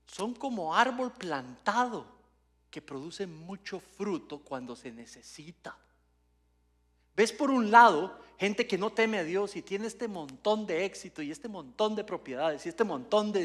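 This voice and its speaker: This Spanish-language sermon comes from a pastor whose voice sits high and sounds a bit bright. At the church service he poses rhetorical questions, runs through long lists, and works up to emphatic moments.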